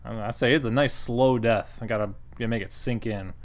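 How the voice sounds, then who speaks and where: A man talks through a board game he played, in an easy, wry, conversational way. He laughs often at his own moves and acts out lines from the table. His voice sits at an ordinary middle pitch. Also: fairly even intonation, fairly quick. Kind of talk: casual game recap commentary.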